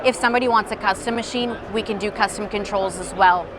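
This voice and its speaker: A woman's voice: mid-range voice, fast, low-quality recording. A woman company representative explaining a product conversationally in a demo at a trade show. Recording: busy outdoor trade-show crowd noise.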